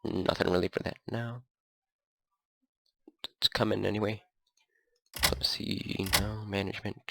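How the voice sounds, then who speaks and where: Over loud background noise, a gameplay commentator rambles casually through a strategy game in a let's play. His voice is fairly low and unhurried with vocal fry, and he has a stuffy nose and a cough. He stays relaxed, thinking out loud as he goes.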